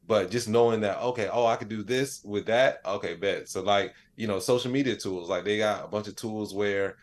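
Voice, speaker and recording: This comedian and AI expert, appearing as a podcast guest, has a fairly low voice and a moderate pace. He rambles in a relaxed, slang-heavy way and says "you know what I'm saying" a lot.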